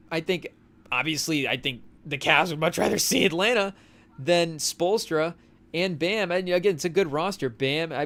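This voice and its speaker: Young male podcast co-host, slightly high voice, casual rambling sports chat with jokey asides to live viewers. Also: a bit bright. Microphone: studio mic on a live stream.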